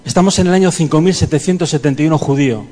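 A man's voice: on the high side, rapid-fire, warm tone. A man leading a fervent prayer and sermon in a church, pleading and calling on the congregation. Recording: long hall reverb.

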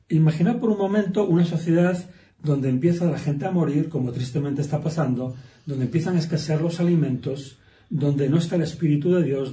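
A man's voice: on the high side, warm tone. Fields: man, sermon, roomy distant sound. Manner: explanatory, emphatic, repeats for stress. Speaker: pastor. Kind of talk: sermon teaching. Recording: roomy echo, from far off the mic.

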